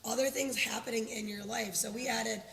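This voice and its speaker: A woman's voice: a little high, steady tone, fairly quick, gravelly, fairly bright tone, big-room sound, poor audio. A woman coach explaining a client's progress in a casual, reassuring way. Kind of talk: casual interview.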